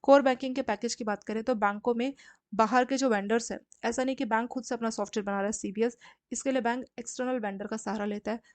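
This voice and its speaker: A woman's voice: a little high, fairly even intonation, fast, darkish tone, no echo. A young woman tutoring for a banking exam, explaining HR and banking ideas in a conversational lecture and often checking in with her listeners. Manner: conversational, frequent filler checks.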